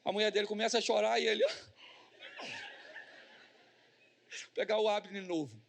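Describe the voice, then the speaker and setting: Male pastor, comic sermon, high gravelly voice, bright edge, animated storytelling. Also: slow pace, slight background noise. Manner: joking, animated, acts out little scenes. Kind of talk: humorous sermon.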